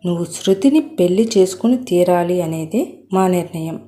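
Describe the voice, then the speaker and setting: A woman's voice: on the low side, lively intonation, normal speed, mellow, close to an everyday voice. A woman voicing a domineering middle-aged mother with a fierce temper, speaking firmly and bluntly. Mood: angry. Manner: firm, blunt.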